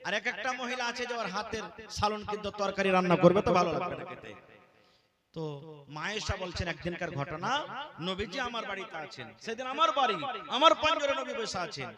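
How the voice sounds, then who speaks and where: A man preaching a storytelling sermon. He moves from soft narration into loud, drawn-out, sing-song emphasis. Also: high voice, animated. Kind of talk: Bengali waz sermon storytelling. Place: religious gathering. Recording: crowd audible behind the speech.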